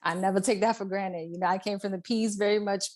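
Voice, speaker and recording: A woman's voice: medium pitch, fairly even intonation, fast talker, darkish tone. A woman raised in Brooklyn, chatting earnestly as a guest artist and filling her talk with "like" and "you know". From born in Puerto Rico, raised in Brooklyn. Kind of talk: casual interview chat.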